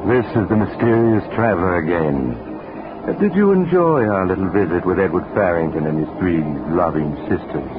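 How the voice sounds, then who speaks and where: A sly, chummy storyteller on a night train, low and full of sinister geniality. His delivery swings widely in the style of 1940s radio mystery. The sound is muffled and old. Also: big pitch swings, normal speed. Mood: sly, genial menace. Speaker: host narrator. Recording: lo-fi 1940s radio recording, background noise.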